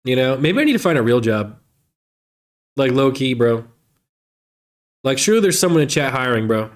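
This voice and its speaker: A man's voice: medium pitch, big pitch swings, normal speed. A man in his thirties chatting casually on a livestream, rambling and filling his talk with "man" and "you know". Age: 30s. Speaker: livestreamer reading chat. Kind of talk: casual stream chat.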